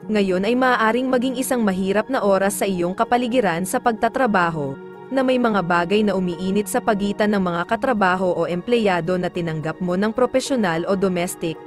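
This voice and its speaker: A woman narrating daily horoscopes in a measured, formal reading style. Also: medium pitch. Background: faint background music.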